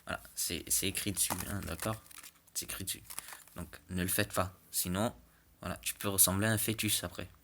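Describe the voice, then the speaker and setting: A man's voice: deep voice, steady tone, moderate pace, background noise. A man giving casual, joking commentary over game replays, chatty and often checking in with the listener. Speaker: clan war replay commentator.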